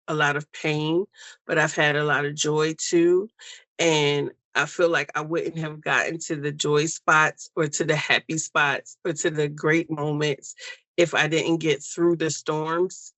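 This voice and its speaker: An American woman as an interview guest, speaking in a reflective, unhurried way with many pauses and fillers over a video call. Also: sits low, a bit bright, no echo. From United States. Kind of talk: personal story interview.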